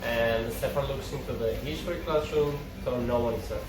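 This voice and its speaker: A man reads stage directions and dialogue aloud during an informal script read-through, tripping over words and making side remarks. His mid-range voice is steady at a normal pace, captured by a distant mic in a very echoey space with background music and noise.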